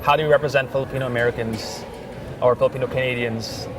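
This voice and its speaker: A man's voice: mid-range voice, steady tone, fast, noisy background. A young man, a filmmaker guest, talking in a casual interview with lots of "like" fillers. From Thailand. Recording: music playing behind.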